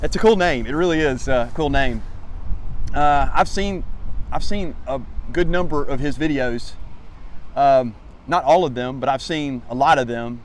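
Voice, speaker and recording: A man hosting a casual hiking vlog outdoors, talking in a folksy, rambling, self-effacing way. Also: a little slow. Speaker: host of a hiking channel. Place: outdoors by a lake in cold wind. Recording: noisy outdoor audio with vehicle rumble.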